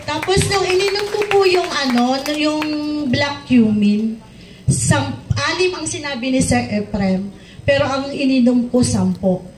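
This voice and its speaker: A woman's voice: high voice, expressive, unhurried. A middle-aged woman giving a personal testimony, retelling events and acting out the dialogue. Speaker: product user giving a testimony. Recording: echoey room, far from mic, faint noise.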